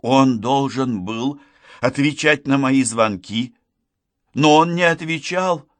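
A man reading an audiobook, voicing a guilt-ridden young woman who sobs and apologizes in a halting way. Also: medium pitch, no room sound, voice pushed up, close to an everyday voice. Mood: pleading.

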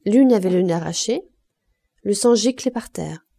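A woman's voice: medium pitch, expressive, normal speed, creaky, dark tone. A woman reading aloud and voicing a weary, reckless young laundress who talks in a brash, cynical way. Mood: bitter, brash. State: hoarse cough.

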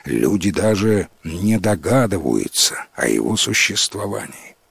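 A man voicing an ancient, wise male forest spirit in a storybook reading, speaking slowly and solemnly. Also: deep voice, very animated, creaky, breathy edge, dry recording, studio quality, voice pushed down, heavily acted. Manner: slow, solemn, hushed.

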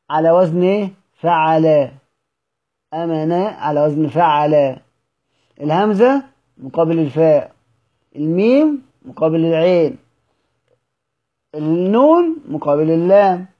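High-voiced Egyptian man teaching recitation. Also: dull audio. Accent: Egyptian Arabic. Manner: asks questions and answers them himself, drawing out example words slowly. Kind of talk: recorded lesson.

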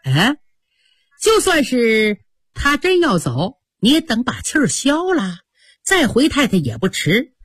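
A woman's voice: on the high side, huge pitch swings, measured pace, breathy edge, no room sound, heavily acted. A woman voicing a patient senior maid in a storybook tale, reproachful and coaxing.

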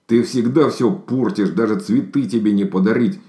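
A man voicing a gentle, earnest bear cub in a storybook, in an echoey room. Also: lowish voice, expressive, normal speed, pitched above the performer's own voice, lightly acted.

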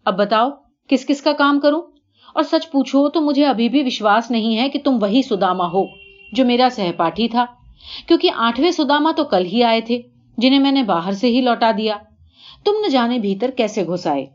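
عورت کی آواز میں گھبرایا ہوا بادشاہ Krishna. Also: female voice, on the high side, animated, muffled recording, lightly acted. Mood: evasive. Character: anxious ruler Krishna, male, pleading then bargaining.

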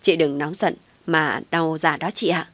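A woman's voice: low voice, fairly even intonation, unhurried, a bit bright, no echo. A woman voicing a devoted young man who coaxes and pleads in an audio story. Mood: coaxing pleading. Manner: coaxing, pleading.

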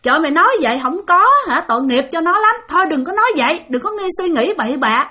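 A woman voicing a tipsy middle-aged man, who scolds and coaxes his friend loudly. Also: high-pitched, animated, racing, voice pushed up. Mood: exasperated. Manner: loud, coaxing and scolding. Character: tipsy middle-aged man, shrill and pleading, drinking buddy.

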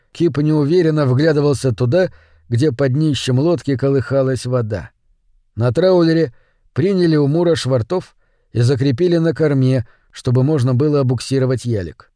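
A male narrator reading a novel aloud in an even, measured way. His voice is warm and mellow, and the recording is close and dry with no room sound. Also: mid-range voice, dry recording. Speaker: audiobook narrator. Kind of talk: scripted narration.

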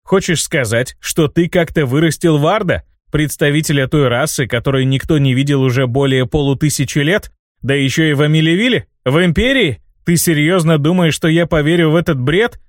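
A man's voice: mid-range voice, dry recording, studio quality, close to an everyday voice. A man voicing a sarcastic, defiant young male hero in an audiobook reading. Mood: skeptical. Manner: sardonic, quick to shout in outrage.

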